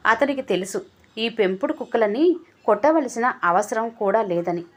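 A woman storyteller reading a scripted audio story aloud in a steady, expressive way. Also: mid-range voice.

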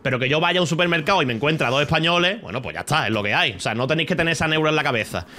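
This Andalusian streamer from Spain swears, jokes with his chat and rambles his way through a game at home. He speaks at a racing pace in a fairly high, lively voice with a bright, forceful tone, over slight background noise.

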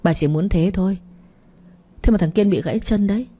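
A woman's voice: medium pitch, fairly quick, warm tone, natural voice. A woman narrator voicing a stern older father who scolds his wife and daughter in an audio story. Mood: scornful. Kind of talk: audiobook reading.

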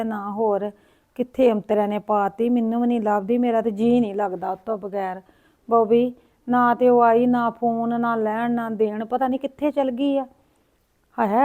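Woman acting sad old granny in a village drama, sighs and mutters to herself a lot, bit high voice. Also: fairly even intonation, normal speed, phone-quality sound, lightly acted. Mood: lamenting. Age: older. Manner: sighing, lamenting, talks to herself. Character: lonely grieving old grandmother. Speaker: grandmother in a short film.

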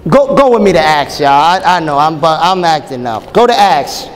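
At a conference in a large hotel ballroom, a man in his thirties preaches a lively sermon, joking and calling out to the live audience for answers in animated call-and-response. His voice is on the high side at normal speed, with a little hiss or hum, long hall reverb and a faint crowd.

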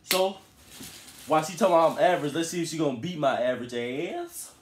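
Young male, playful slangy banter, very animated delivery, echoey bedroom recording. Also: fairly high pitch, fast. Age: young adult. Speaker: challenge participant. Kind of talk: casual joking banter. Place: small bedroom, indoors. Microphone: camera a few feet away. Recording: echoey room with background noise.

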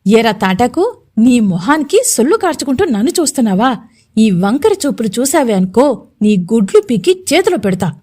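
A woman doing a sharp-tongued, scolding village woman. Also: on the high side, very animated, normal speed. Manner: scolding, contemptuous.

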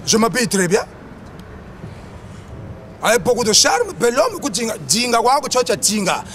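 A man's voice: very high voice, very animated, moderate pace, fairly bright tone, slight background noise. A man, bragging and mocking in street banter about clothes. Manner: boastful, mocking. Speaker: sapeur.

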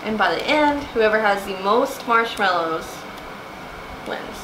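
A woman's voice: mid-range voice, lively intonation, unhurried. A young adult woman hosting a casual vlog chat. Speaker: host. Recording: echoey, noisy home recording.

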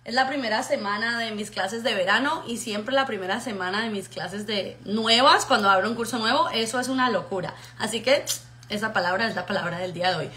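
Lively woman teaching English vocabulary. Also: medium pitch. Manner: lively, drills words slowly and repeats them; addresses learners as muchachos, checks with ok. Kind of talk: casual vocabulary lesson.

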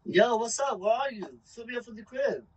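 A young man playing a loud, cocky friend who jokes around in casual slang in an amateur youth drama. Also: very high-pitched, a little fast, breathy edge, dry recording, rough recording.

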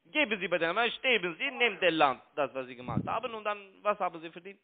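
A young man with a foreign accent, whose first language isn't German, argues insistently and repetitively down a tinny, narrow-band phone line. He's a phone scam caller, and his broken, non-native speech comes fast and expressive in a high-sitting voice.

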